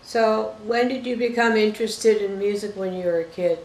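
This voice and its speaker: A mid-range, darkish-toned voice at normal speed belongs to an older female talk show host from Toronto, Canada. Folksy and given to pet names, she conducts a casual interview indoors in a small living room whose echo fills the recording.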